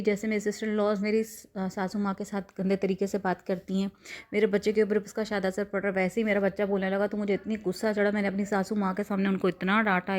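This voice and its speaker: A woman's voice: mid-range voice, darkish tone. A woman, likely in her thirties, earnestly telling a rambling personal devotional testimony with frequent restarts.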